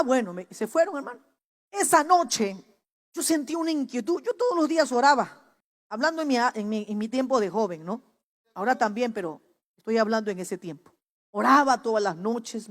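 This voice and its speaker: A woman gives a sermon testimony to young people, swinging from hushed storytelling to loud exhortation. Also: fairly high pitch. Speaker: preacher giving testimony. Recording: long hall reverb.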